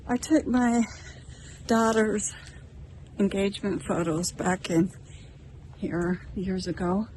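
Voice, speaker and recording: In a rough recording with slight background noise, a middle-aged American woman reflects casually to camera as a vlogger, in a musing, slightly self-conscious way. She is outdoors in a park, partly in a parking lot, her mid-range, a little mellow voice taking it slowly with little pitch movement.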